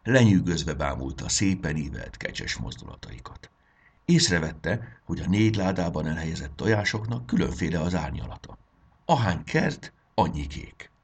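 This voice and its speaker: A man reading a children's fairy tale aloud, expressive and gentle. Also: low voice, slight background noise. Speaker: storyteller.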